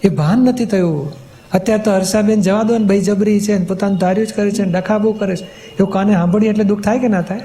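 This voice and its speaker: A man's voice: high voice, fast, dark tone, a little hiss or hum. A man, a spiritual teacher, patiently explaining in a question-and-answer talk, often checking that he is understood.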